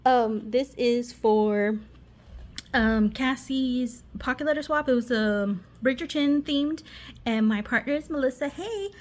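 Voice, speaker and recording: A craft vlogger does a casual, rambling show-and-tell in her living room, a washing machine running in the background. Her voice sits high and unhurried, and she's scattered, often losing her thread, interrupting herself and making giggly asides.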